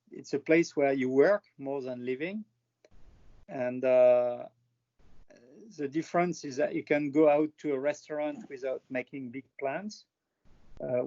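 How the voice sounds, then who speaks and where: A man with a French accent chats on a video call, stopping often to search for words. His voice sits a little high. The call audio is dull and lo-fi. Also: darkish tone. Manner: hesitant, many fillers and restarts. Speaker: presenter on France in a video call. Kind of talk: casual chat.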